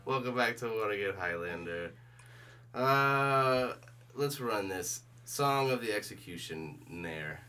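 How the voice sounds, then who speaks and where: A woman's voice: extremely low pitch, expressive, slow pace, bright, forceful tone. A woman hosting a podcast, chatting casually and teasing her co-hosts in a wry way. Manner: wry, teasing, laughs often. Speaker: podcast host. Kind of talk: casual chat while watching a show.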